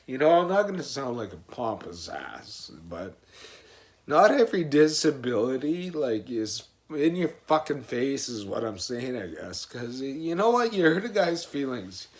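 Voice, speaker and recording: A man in a casual video blog, venting about his day in a profane, rambling, heated way. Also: fairly high pitch. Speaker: vlogger.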